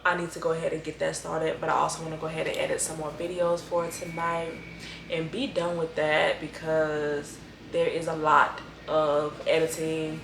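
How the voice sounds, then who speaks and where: A woman's voice: low-pitched, completely flat delivery, normal speed, gravelly, fairly bright tone, reverberant, slight background noise. A woman vlogging casually at home, rambling with lots of "like" and calling her viewers y'all, her nose a bit stuffy. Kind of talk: casual chat to camera. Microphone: camera mic.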